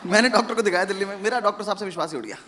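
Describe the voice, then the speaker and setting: A young man works a live crowd with quick, chatty stand-up, his voice sitting very high for a man. He delivers sardonic stories and jumps into loud bursts. The live recording has noticeable noise under it. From India. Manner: conversational, sardonic storytelling with sudden loud outbursts. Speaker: stand-up comedian. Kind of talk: stand-up comedy with crowd work. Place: live comedy venue with audience laughter. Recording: noisy live show recording.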